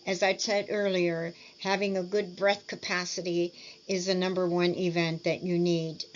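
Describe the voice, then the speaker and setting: A woman teaching speech and swallowing exercises, over-articulating practice words and clearing her throat often. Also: fairly low pitch, dull audio. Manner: deliberate, over-articulated word drills with frequent throat clearing. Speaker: speech therapy instructor. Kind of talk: slow instructional walkthrough.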